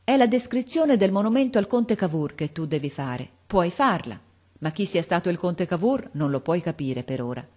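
A woman narrating a classic novel as an audiobook, in a steady, expressive reading. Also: fairly low pitch, normal speed.

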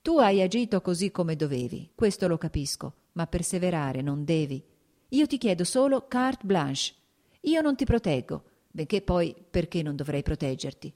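Worldly married male officer, read by a woman, persuasive, measured, low-set voice, audiobook. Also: very animated, dark tone.

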